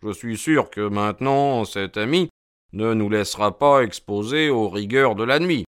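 Genial sharp detective, read by a man, assured and friendly, audiobook, dry sound. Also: fairly low pitch, measured pace, clean tone, dry recording, natural voice. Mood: affable. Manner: affable, assured.

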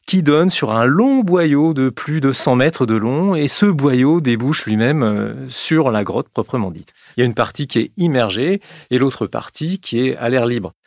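Man, science journalist, gravelly voice, hesitant measured storytelling, dry studio sound. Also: medium pitch, lively intonation, darkish tone, no echo. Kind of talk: explaining on a podcast.

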